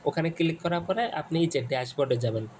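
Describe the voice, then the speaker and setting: A man from Bangladesh guiding viewers step by step through a phone screen, talking in a halting way with many restarts and repeated phrases. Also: fairly high pitch, darkish tone, slight background noise, poor audio. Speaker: Arabic course instructor. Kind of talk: screen-share tutorial walkthrough.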